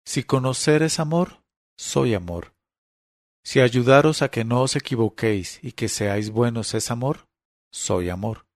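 A man voicing a calm father who pleads his case slowly and in measured words. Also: medium pitch, no room sound. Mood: earnest.

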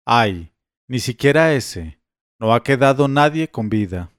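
Lying servant, drawn-out laments, fake grief, a man reading it, dry close sound. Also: medium pitch, lively intonation, no room sound, natural voice. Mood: mournful. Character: scheming male servant feigning grief.

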